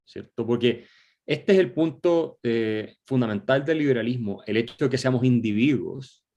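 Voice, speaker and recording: Male guest, average pitch, professorial, peppers speech with fillers. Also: normal speed, darkish tone, dull audio. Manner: lecturing, many filler "eh" and tag questions. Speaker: guest commentator. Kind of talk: political discussion.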